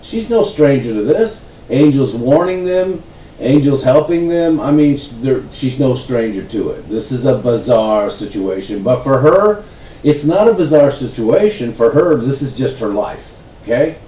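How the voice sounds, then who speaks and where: A man explains a Bible story in loose, conversational teaching, acting out the characters now and then. His voice is mellow and sits at a middle pitch. He sounds a little away from the mic in an echoey room with faint noise behind. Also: unhurried. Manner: animated storytelling, acts out voices. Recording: roomy, distant, faint background noise.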